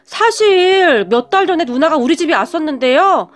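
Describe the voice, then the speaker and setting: A woman's voice: high voice, lively intonation, normal speed. A woman voicing an exasperated young husband who sighs and complains. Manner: sighing, yelling in exasperation. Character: exasperated young husband, caught between sister and wife.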